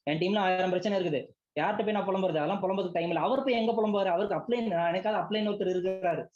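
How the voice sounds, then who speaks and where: A man's voice: high-pitched, a little mellow. A man, a business team leader giving a motivational sales pep talk, scolding his listeners and checking in with rhetorical questions. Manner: rapid, scolding, full of rhetorical check-ins. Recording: slightly dull lo-fi recording.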